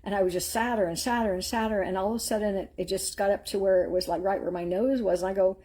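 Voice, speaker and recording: Husky, mellow-voiced woman giving faith encouragement. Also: medium pitch, steady tone, fast. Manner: earnest, rambling, storytelling with filler words. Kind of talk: live-streamed faith encouragement talk.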